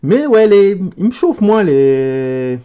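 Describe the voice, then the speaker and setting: A man chatting casually as he opens card packs for his video, letting out excited exclamations over each card. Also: high-pitched, slow pace, clean tone, muffled recording. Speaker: card game video creator. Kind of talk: casual card pack opening commentary.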